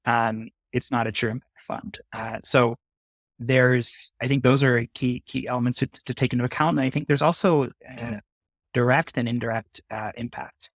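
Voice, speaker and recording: A man's voice: medium pitch, fairly even intonation, normal speed, dry recording. A man, a fund manager guest in an interview, explaining methodically with frequent "uh" fillers. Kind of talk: interview conversation.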